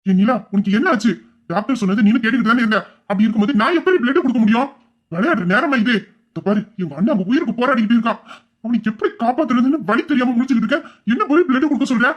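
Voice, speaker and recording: A voice actor playing a hot-tempered young man who shouts in confusion and then turns low and bitter. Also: expressive, very fast, close to an everyday voice. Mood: confused.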